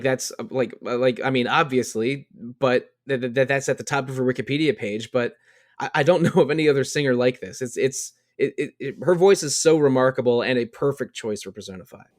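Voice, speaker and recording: A man with a mid-range voice joins a podcast panel about game soundtracks, sounding enthusiastic yet stop-start, often restarting sentences and doubling up on words.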